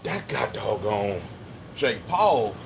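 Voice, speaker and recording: A man's voice: on the low side, sing-song, takes it slowly. Man giving casual fight commentary over background noise. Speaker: sports vlogger and host. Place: at his workplace. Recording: clear background ambient noise.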